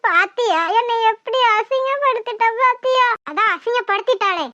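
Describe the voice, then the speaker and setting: A shrill, very high voice plays a spoiled, complaining cartoon daughter. Her tone is bright and squeaky. The sound is dry and lo-fi. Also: normal speed, no room sound. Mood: whining. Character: spoiled sulking adult daughter.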